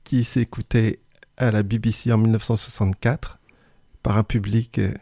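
A man's voice: fairly low pitch, little pitch movement, moderate pace, vocal fry, no room sound, studio quality. A man talking casually and enthusiastically about music on the radio. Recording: loud music behind.

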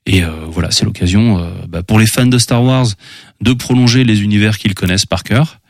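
Chatty man, low voice, dry sound. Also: brisk, no echo. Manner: relaxed, chatty, many hesitations. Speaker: radio show columnist. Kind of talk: casual chat presenting manga.

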